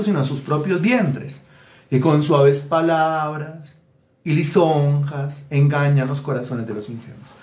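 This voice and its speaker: A man preaching a sermon as pastor, animated and mimicking people to make his point. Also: on the high side, reverberant.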